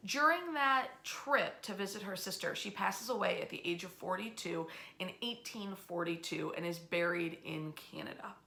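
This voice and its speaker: Her mid-range voice is gravelly, bright and forceful, animated at a moderate pace. A history storyteller who hosts a tour club, she delivers an informal, emphatic, enthusiastic storytelling lecture to camera online, recorded in an echoey room.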